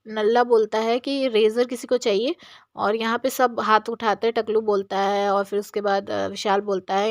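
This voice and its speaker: A woman talks through a reality show episode in a loose, chatty way, full of filler phrases and her own reactions. Her voice sits a little high. The sound is dry, with no room echo. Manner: chatty, repeats "yahan pe" and "jo hai" fillers. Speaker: reality show recap commentator. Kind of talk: casual episode recap commentary.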